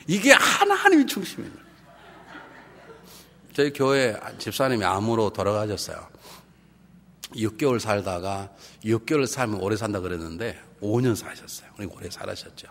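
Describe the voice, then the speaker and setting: A male pastor giving a revival sermon, animated and humorous, swinging between hushed and loud and acting out quoted voices. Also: lowish voice, fairly quick, vocal fry. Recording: reverberant hall with faint background noise.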